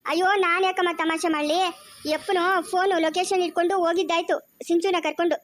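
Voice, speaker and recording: A woman's voice: very high voice, steady tone, fast. A woman voicing an angry grown son who speaks harshly and defiantly. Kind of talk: amateur family drama acting.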